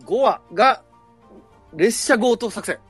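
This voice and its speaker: A man's voice: extremely high pitch, lively intonation, takes it slowly, fairly bright tone, husky, faint music behind. Laughing man with a Kansai accent. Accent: Kansai Japanese. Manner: laughing often, teasing banter. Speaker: podcast host. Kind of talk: casual chat.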